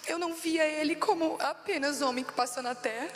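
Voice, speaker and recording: High-voiced Brazilian woman preaching. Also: brisk. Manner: emotional, repeats phrases for emphasis. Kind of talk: sermon testimony. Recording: long reverb with faint background music.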